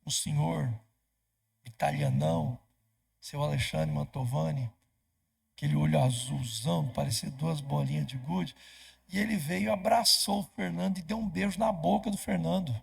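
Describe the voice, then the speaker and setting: Brazilian pastor, storytelling sermon, animated voicing of dialogue, raspy and very gravelly. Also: male voice, on the high side, moderate pace. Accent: Brazilian Portuguese. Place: church.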